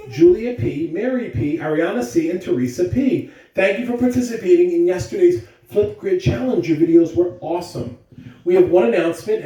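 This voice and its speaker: Picked up by a distant mic in an echoey room with faint noise, a man's slightly high, mellow voice addresses children in a simple, direct way, like school morning announcements or a story read-aloud.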